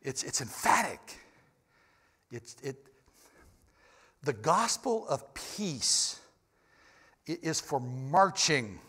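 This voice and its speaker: A man preaching a sermon in a church, moving between quiet, close talk and loud, emphatic bursts, with frequent restarts and repeated words. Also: fairly high pitch, very animated, very slow, pauses often, husky. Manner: swings from loud emphatic shouts to quiet near-whispers. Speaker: pastor. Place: church sanctuary.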